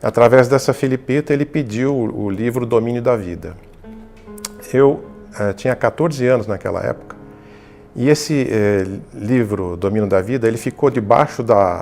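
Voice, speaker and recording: An older Brazilian man calmly recalling his childhood for a documentary. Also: on the low side, moderate pace, vocal fry, soft background music. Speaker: interviewee recalling the past. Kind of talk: documentary interview, reminiscing.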